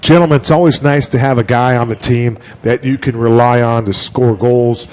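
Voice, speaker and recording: A man's voice: medium pitch, steady tone, moderate pace, a little mellow. A man hosting a college sports show, asking players long, joking questions in a chatty way. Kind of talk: casual sports talk show.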